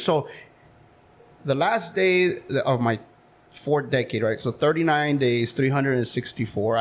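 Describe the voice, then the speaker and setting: A man's voice: medium pitch, a little hiss or hum. A man in his forties speaking as a podcast guest, telling his story in a frank, candid way with plenty of fillers. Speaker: podcast guest, city council member. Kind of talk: casual interview chat.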